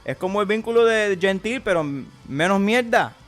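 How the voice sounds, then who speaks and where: A man's voice: high voice, lively intonation, normal speed, fairly bright tone, soft background music. A man streamer putting on a playful Cuban Spanish accent as a slangy, crude Miami guy talking through game cards. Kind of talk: casual game commentary.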